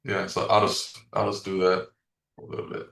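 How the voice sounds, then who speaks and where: Deep-voiced man, roomy and distant. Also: normal speed, creaky. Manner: relaxed, agreeable, chuckling. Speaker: trader being coached. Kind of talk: casual coaching call.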